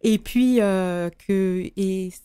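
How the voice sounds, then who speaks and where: A woman's voice: mid-range voice, drawn-out words, dark tone, clean tone, dry recording. A woman radio host with a Haitian accent, asking long questions with many hesitations and fillers. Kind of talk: radio interview conversation.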